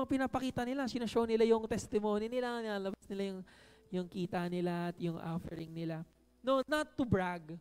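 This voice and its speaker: In a large hall, a preacher with a clear, resonant voice that sits high and has a darkish tone gives a conversational sermon in Tagalog and English. He emphasizes key words and keeps checking in with the audience by asking "No?"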